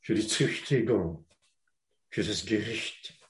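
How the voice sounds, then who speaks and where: A man preaching a sermon in German, which is not his first language. He talks haltingly, repeats words and asks the listeners questions. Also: lowish voice, echoey room, slight background noise.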